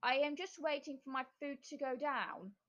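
A woman's voice: high voice, moderate pace, a bit bright, lo-fi sound, pitched above the performer's own voice. A woman voicing a polite but firm little girl in a storybook reading. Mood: plucky.

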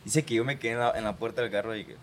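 A man's voice: lowish voice, fairly even intonation, rapid-fire. A man, telling a story in casual chat and quoting himself along the way. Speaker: podcast co-host.

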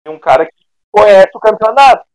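A man giving his opinions in a casual football debate, halting and restarting often. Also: high voice, lively intonation, a little mellow. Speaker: football pundit.

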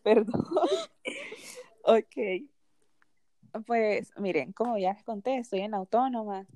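A young woman hosting a podcast, casually telling a personal story in an animated way, often laughing along. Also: medium pitch, slow pace, no room sound. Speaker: podcast host.

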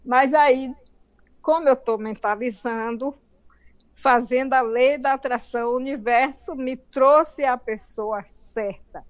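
A woman's voice: high voice, takes it slowly. A middle-aged Brazilian woman with a Brazilian Portuguese accent, telling her story emphatically as an interview guest.

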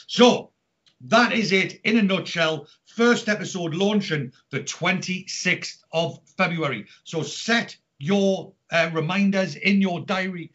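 A middle-aged Newcastle man with a Geordie accent, from north-east England, delivers a podcast's chatty introduction and announcements in an upbeat way. He's on a Skype call from home during lockdown, so the audio is dull and lo-fi; his voice sits high, slow and a bit bright.

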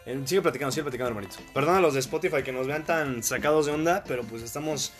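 A Mexican-accented man hosts a loose livestreamed podcast, joking around and reading out viewer comments. His voice is a touch high for a man. Soft music hums in the background. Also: racing. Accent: Mexican Spanish. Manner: relaxed, joking, thanks chat viewers. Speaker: podcast host. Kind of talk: casual livestream podcast chat.

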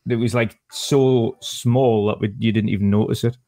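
A man co-hosting a podcast, relaxed, reading out viewer messages in casual chat. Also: on the low side, moderate pace, no echo. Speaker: podcast co-host.

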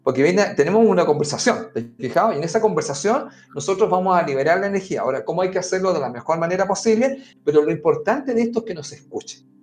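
Fast-talking and expressive, this high-pitched, slightly mellow man gives advice on a podcast in a conversational style. He often says "mira" and "amigo" while talking straight to the listener, and the recording has a roomy echo with faint music.

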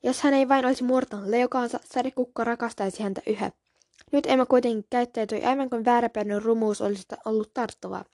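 A woman with a slightly high, gravelly voice reads book scenes aloud for her podcast. She steps out of the text now and then for casual, slightly apologetic comments. The sound is dry and close. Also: steady tone, darkish tone, dry recording. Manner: casual and a little apologetic in asides. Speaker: podcast host reading a book. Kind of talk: book reading with casual asides.

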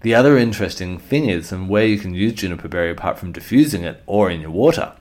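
Male educator, deep-pitched, for an informal explanatory talk with a reflective, direct address. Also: expressive, quick pace, a little mellow. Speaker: essential oils educator.

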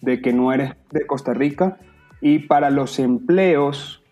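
A husky-voiced young Venezuelan man with a Venezuelan accent chats on a podcast. He talks at length, earnest and open, with a faint bed of music under him. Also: medium pitch, takes it slowly, mellow. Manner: talkative, earnest, slips into playful voices. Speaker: podcast guest. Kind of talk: casual podcast chat.

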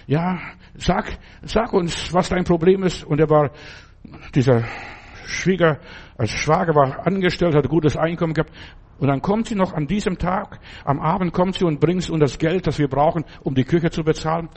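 Husky-voiced man preaching informally. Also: a little high, normal speed, a little mellow. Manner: conversational, keeps asking "verstehst du?"; addresses the listener directly as a friend. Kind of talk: informal sermon with personal stories.

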